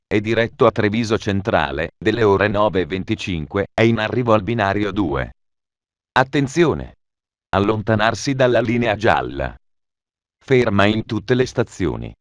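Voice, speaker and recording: Give me a deep male voice reading automated train station announcements, formal and even, with no room around it. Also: no echo. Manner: formal, measured, stitched-together phrases.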